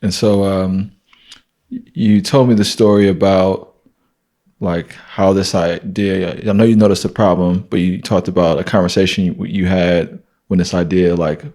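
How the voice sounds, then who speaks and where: A male interview host with a low voice asks his guest rambling, hesitant questions. He pads his speech with fillers and keeps a relaxed, conversational tone. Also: normal speed. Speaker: podcast host. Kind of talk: casual interview.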